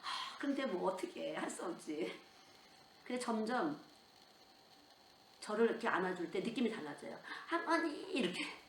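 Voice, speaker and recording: A woman's voice: medium pitch, normal speed, pauses often, echoey room, slight background noise. An older woman preaching a sermon as a children's missionary, telling stories with strong emotion. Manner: emotional, animated storytelling with sudden outbursts.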